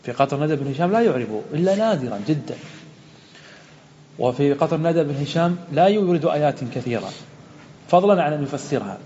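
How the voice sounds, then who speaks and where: A man's voice: fairly high pitch, expressive, dark tone. A man teaching as a sheikh, taking his students through a grammar text at a patient pace. He repeats each word form and poses questions that he then answers himself. The recording is dull and lo-fi, with a long reverb trailing through the hall and a faint hum beneath. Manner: explains slowly, repeats word forms, asks and answers own questions. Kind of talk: classical Arabic grammar lesson.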